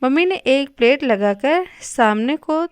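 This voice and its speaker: A woman reading a novel aloud with expressive, measured storytelling on a close microphone. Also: high voice, dry recording. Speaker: narrator. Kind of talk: audiobook reading of a Hindi novel.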